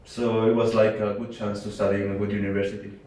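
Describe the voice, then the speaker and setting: A young international student from Ecuador, a guest, gives casual interview answers in a relaxed, hesitant way, full of fillers like "like" and "uh". His voice is a bit low. He was recorded from a distance, so he sounds set back from the mic in a very echoey room.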